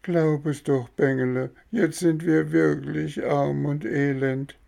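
A man's voice: fairly high pitch, fairly even intonation, slow, gravelly, mellow, pitched above the performer's own voice, heavily acted. A man voicing a sly, whining old male fox who begs pitifully, in a storybook reading. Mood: whining plea. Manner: wailing, pleading.

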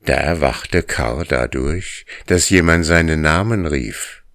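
A man reading a story aloud as narrator, in a slow, measured storytelling manner. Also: extremely low pitch, fairly bright tone, no echo, studio quality. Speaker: audiobook narrator. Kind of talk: scripted narration.

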